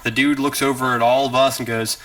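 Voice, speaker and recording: Man, casual podcast chat, rambling storyteller, bright tone. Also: mid-range voice, brisk, dry recording. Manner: rambling storyteller with animated quoted voices. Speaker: podcast co-host. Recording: distant from the mic, dry sound.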